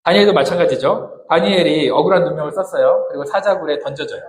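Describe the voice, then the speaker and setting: 울림 큰 홀에서 설교하는 남자 목사. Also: male voice, on the high side, fast talker. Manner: conversational, asks the congregation questions. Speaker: pastor. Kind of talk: sermon. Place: church hall. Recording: echoey hall, amateur recording.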